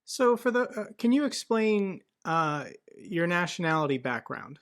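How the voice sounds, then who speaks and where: A man's voice: sits high, sing-song, unhurried, a bit bright. Man asking direct interview questions. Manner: direct, asks plain questions. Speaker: podcast host.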